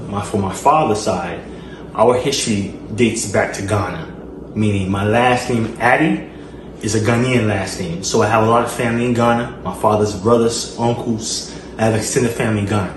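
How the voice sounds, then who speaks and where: Speaking at normal speed in a fairly low voice, a Liberian channel host with a Liberian accent answers fan questions in a casual Q&A vlog. He's earnest, leaning on fillers and repeated phrases, and the recording comes from an echoey, noisy room.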